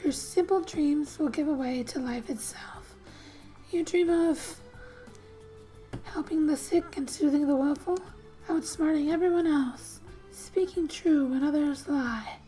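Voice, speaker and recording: An ASMR gamer and host, this woman reads a game's story aloud in a soft, breathy voice that often drops near a whisper, gentle and unhurried, with casual asides. Her voice sits high, faint music plays behind her, and the audio is poor.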